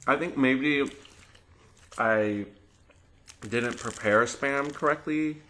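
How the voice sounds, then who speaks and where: A man chatting casually as a mukbang host, musing out loud in a loose, tentative way. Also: medium pitch, takes it slowly, slight background noise. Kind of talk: casual chat over a meal.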